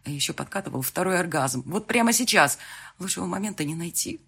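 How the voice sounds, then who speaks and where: A woman narrating a first-person romance audiobook expressively, jumping to high, loud lines in the dialogue. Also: lively intonation, fast talker, creaky, breathy edge.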